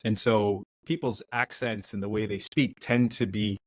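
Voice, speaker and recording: A middle-aged American man, a podcast guest, tells stories from his career in a casual interview, relaxed and often restarting his sentences. His voice is lowish and his pace normal, with no room sound.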